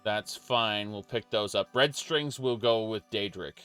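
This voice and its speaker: A man's voice: on the low side, unhurried, sharp tone, soft background music. A man giving casual, rambling commentary over a role-playing game, with many fillers, restarts and laughs at his own jokes. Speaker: let's play host.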